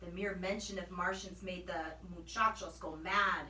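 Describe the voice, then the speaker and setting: A woman reading a children's story aloud as a teacher, with expressive, animated narration. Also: lowish voice, moderate pace. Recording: echoey room, distant microphone.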